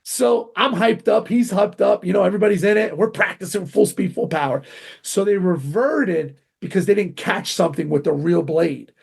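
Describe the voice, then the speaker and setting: A middle-aged man, a martial arts grandmaster, telling animated stories in an interview, acting out quotes with sudden jumps in pitch. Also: moderate pace, vocal fry, husky. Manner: excitable, acts out quotes with big pitch jumps.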